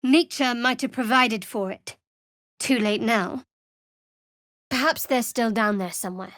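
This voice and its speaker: Here a young female cleric serving a dark goddess speaks for a fantasy video game, her delivery guarded, measured, wry, and secretive. Her voice sits on the high side. The sound is close and dry, without any room around it.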